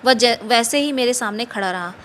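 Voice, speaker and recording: Bright-voiced woman reading a story. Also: fairly high pitch, slight background noise. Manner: steady, measured storytelling with a closing sign-off. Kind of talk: reading a literary short story aloud.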